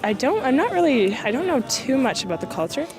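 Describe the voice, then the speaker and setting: A woman's voice: sits high, very animated, brisk, over music. A nineteen-year-old woman from Canada, speaking in a hesitant, reflective way in an interview. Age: late teens. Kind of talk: casual interview.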